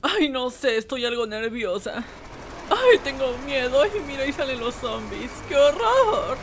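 A woman's voice: high-pitched, big pitch swings, unhurried, noisy background, full character voice. A woman voicing Whis, a timid, fussy male angel in a comic fan animation, sighing and shrieking in fright. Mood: panicky excited. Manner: camp, sighs "ay" constantly, shrieks when scared. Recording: game music playing behind the voice.

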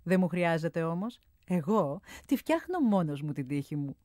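A woman voicing the stern, mocking god Hermes in a storybook reading, speaking slowly. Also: fairly low pitch, very animated, warm tone, no echo, clean studio sound. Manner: slow, stern and teasing.

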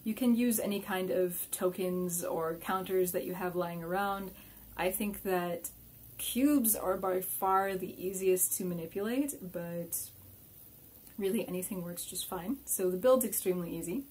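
A woman's voice: on the low side, unhurried, a little hiss or hum. Woman reviewing solo board games. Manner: quiet and muttering while playing, chatty and upbeat when reviewing.

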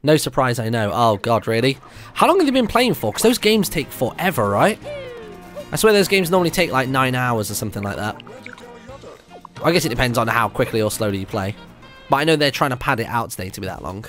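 Speaking fairly quickly in a medium, slightly bright voice with big swings in pitch, the young British streamer chats casually to viewers while thinking aloud through his gameplay. Game music runs behind him, and he's recorded close on a stand mic in his indoor home streaming space.

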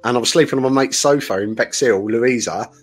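Man, middle-aged, podcast guest, rambling, candid, mid pitch. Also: a little fast, slightly rough, soft background music. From south-east England. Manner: rambling, candid, full of restarts and fillers. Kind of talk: casual interview storytelling.

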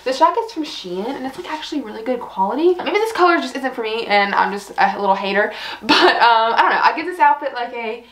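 Young girl vlogging outfits, bit high voice, giggly, lots of likes and um, kinda out of breath. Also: expressive, quick pace, a bit bright. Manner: bubbly, giggly, lots of fillers like "like" and "I don't know". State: a little out of breath. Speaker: fashion vlogger. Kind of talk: casual chatty try-on vlog.

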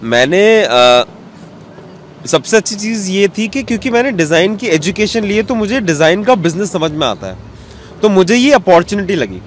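Interviewed in an open courtyard, a man in his thirties who is a cartoonist answers at length and sprinkles in English terms. His high-sitting voice swings widely in pitch at a moderate pace, picked up by a handheld mic held out by the interviewer amid faint outdoor street noise.

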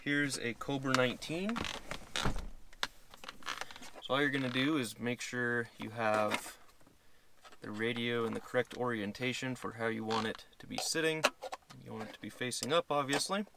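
An American man in his thirties, a product demonstrator, walks through an easygoing step-by-step how-to inside a parked pickup truck cab. His medium-pitched voice keeps a fairly even intonation at normal speed with frequent pauses. The background is clear, with clicks and handling sounds.

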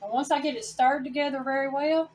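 A woman's voice: high voice, steady tone, fast, a little mellow, distant mic. A woman, hosting a casual home cooking demonstration in her kitchen and chatting folksily to viewers. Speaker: home cooking channel host.

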